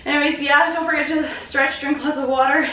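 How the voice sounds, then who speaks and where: A woman's voice: high-pitched, steady tone, moderate pace, pushed and bright. A woman fitness instructor coaching a workout, counting reps and encouraging, out of breath. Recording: echoey room, voice from far off.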